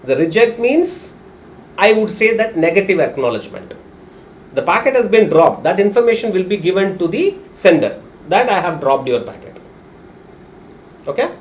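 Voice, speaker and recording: A man's voice: sits high, sing-song, normal speed, long pauses, a little hiss or hum. A man with a Telugu Indian English accent giving a live technical lesson, explaining step by step and often checking understanding with short tag questions. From Telugu-speaking region of India. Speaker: technical instructor.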